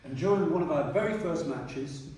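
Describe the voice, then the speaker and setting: A man's voice: fairly high pitch, lively intonation, normal speed, a little mellow, voice pushed up, lightly acted. A man, putting on the plummy voice of a very posh, pompous male headmaster who lectures as he asks a question. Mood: pompous quizzing. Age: 60s. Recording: echoey hall from far off, noisy.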